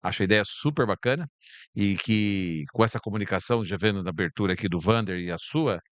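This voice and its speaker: Speaking as a podcast guest on a bar stage, a Brazilian man chats casually in a calm, reflective, spiritual way, often repeating words as he searches for the right one. His voice sits on the low side, he talks a little fast, and the recording is dry.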